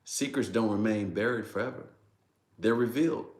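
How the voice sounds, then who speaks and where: A man with a low voice delivers a devotional sermon, acting out scripture dialogue. He gets emotional and keeps repeating exclamations. The room around him is echoey. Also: normal speed. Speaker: preacher. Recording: roomy echo.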